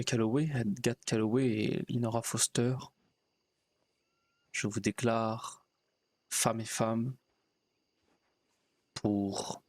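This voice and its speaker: A man playing a naive, kindly progressive frontier preacher in a solemn, gentle tone. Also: mid-range voice. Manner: solemn, gentle ceremonial delivery. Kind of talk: in-character role-play.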